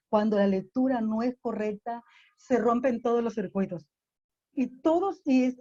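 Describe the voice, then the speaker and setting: A woman's voice: fairly high pitch, darkish tone, highs cut off. A woman from Colombia giving a slide lecture to parents, teaching in a didactic way and repeating key phrases for emphasis.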